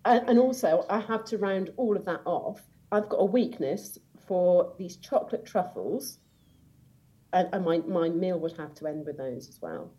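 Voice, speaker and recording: A woman's voice: fairly low pitch, moderate pace, warm tone, low-quality recording. A woman chatting as a podcast guest, enthusiastic and giggly, rambling with many restarts. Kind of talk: casual interview chat.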